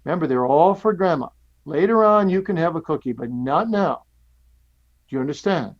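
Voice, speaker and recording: A gentle mother from a children's story, voiced by a man telling it. She repeats her instructions slowly and firmly, with a slightly higher, warm lift. The recording is a little dull. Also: expressive.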